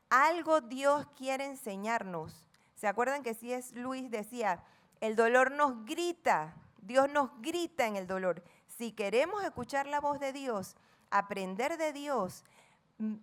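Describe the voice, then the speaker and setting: Expressive Panamanian woman preaching. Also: a little high. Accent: Panamanian Spanish. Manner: dramatic, reads scripture with emphasis, asks the congregation questions; playful asides acting out friends' chatter. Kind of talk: sermon.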